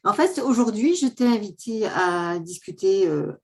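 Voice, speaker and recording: A woman's voice: medium pitch, animated, a little slow. A woman coach hosting an interview over a video call, chatty and full of fillers. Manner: chatty, warm welcome, frequent fillers. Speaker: host and coach.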